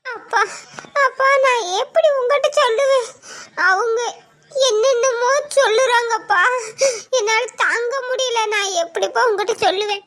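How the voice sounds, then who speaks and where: A woman's voice: extremely high pitch, normal speed, bright, forceful tone. A woman playing a young wife who tearfully pleads with her husband in a family drama skit.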